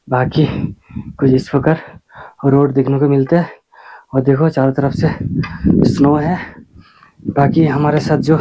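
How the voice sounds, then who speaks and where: A man's voice: fairly high pitch, mellow, no room sound, lo-fi sound. Breathless man vlogging on a mountain trek. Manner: talks slowly between breaths, addresses viewers directly. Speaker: travel vlogger. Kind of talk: casual vlog narration while trekking. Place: outdoors on a steep snowy mountain trail. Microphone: handheld camera while walking.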